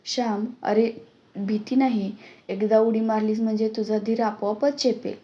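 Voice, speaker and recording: A woman's voice: medium pitch, steady tone, moderate pace, mellow, highs cut off, natural voice. Woman reading as a reassuring village boy.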